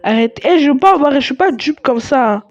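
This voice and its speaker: Chatty young woman with a high voice. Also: fairly quick, dry recording, lo-fi sound. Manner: chatty, stammering, excitable outbursts. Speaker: gaming video creator. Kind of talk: casual gameplay commentary.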